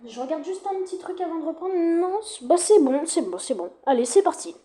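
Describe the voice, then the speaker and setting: A woman's voice: very high-pitched, big pitch swings, a little fast, warm tone. A young woman hosting a reaction video, chatting casually and teasing the creator she watches. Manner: playful, teasing, talks straight to the creator.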